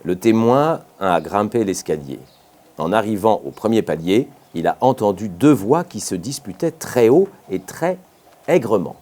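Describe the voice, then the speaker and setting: A man narrates an audiobook with a low, dark-toned voice. His delivery is measured yet expressive, with a pitch that rises and falls widely from line to line. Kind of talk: scripted narration.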